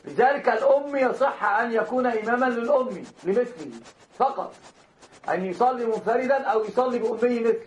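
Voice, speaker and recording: A man's voice: very high voice, quick pace, a little hiss or hum. A man teaching Islamic law in a classroom lecture, repeating and restarting words and speaking straight to his students. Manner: addresses students directly, chuckles now and then. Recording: roomy, dull lo-fi lecture recording.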